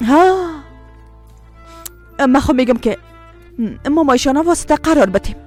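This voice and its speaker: Casting: a woman as an anxious pious mother, Tajik accent, higher voice, sighing, for a dubbed series. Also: expressive, darkish tone, faint music behind. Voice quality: fretful and pleading, with many sighs. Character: worried middle-aged mother, pious, protective of her children. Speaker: mother and wife in a family drama. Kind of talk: dubbed television drama.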